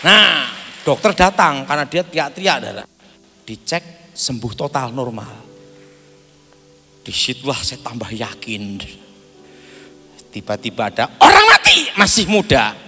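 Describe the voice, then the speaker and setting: In an echoey hall with faint music in the background, a male pastor gives a sermon built around his own testimony. He tells it with animation, acting out the dialogue and laughing a lot, in a mid-range voice that runs a little slow with frequent pauses.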